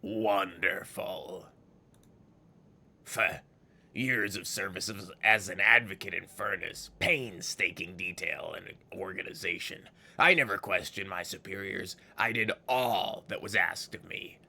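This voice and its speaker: An old exiled fiend from a fantasy game, low and gravelly with a sharp, forceful edge. He is scornful and scheming, theatrical like a ghoulish villain, savoring each word and spitting out his disgust. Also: a little slow, full character voice. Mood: anguished, indignant. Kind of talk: dramatic video game character read-aloud.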